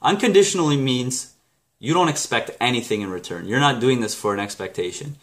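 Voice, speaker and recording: A man's voice: medium pitch, animated, a little fast. A Canadian man explaining a self-help book chapter in a casual vlog, rambling and correcting himself as he goes. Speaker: book review vlogger.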